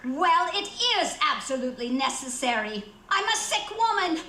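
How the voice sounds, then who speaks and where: A woman's voice: sits high, very animated, moderate pace, bright, forceful tone, full character voice. A woman playing a fretful, demanding invalid who is alone and frightened, repeating herself breathlessly in a radio suspense play. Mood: agitated, indignant. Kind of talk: radio suspense drama acting. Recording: roomy echo with faint background noise.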